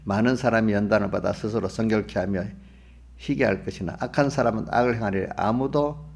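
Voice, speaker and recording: Gravelly-voiced pastor preaching. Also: male voice, fairly low pitch, brisk. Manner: conversational, asks the congregation questions; acts out inner voices of believers. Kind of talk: early-morning sermon. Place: church.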